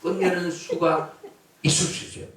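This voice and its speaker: A man preaching a sermon as pastor, calling out to the congregation and shouting out his examples. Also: sits high, flat delivery, moderate pace. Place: church or prayer house hall. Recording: echoey hall, voice from far off mic.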